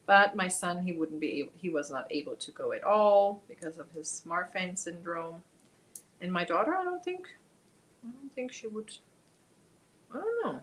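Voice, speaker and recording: The recording is low quality with slight background noise, carrying a woman's lowish, slightly bright voice at a moderate, animated pace. She is from Germany and hosts a casual crochet livestream, chatting, reading viewer comments aloud, and muttering through her stitch counts.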